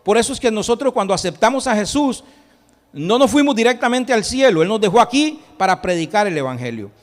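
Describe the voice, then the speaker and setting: A man preaching a sermon as pastor, impassioned, swinging between loud proclamation and hushed intensity. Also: high voice, lively intonation, fairly quick, long reverb tail. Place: church sanctuary.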